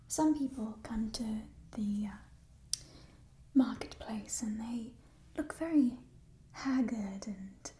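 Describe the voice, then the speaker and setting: A woman in a whispered role-play as a playful, chatty thief, musing hesitantly in a burglar's hushed whisper over stolen treasure. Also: fairly high pitch. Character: playful, chatty female thief showing off stolen coins in a fantasy world.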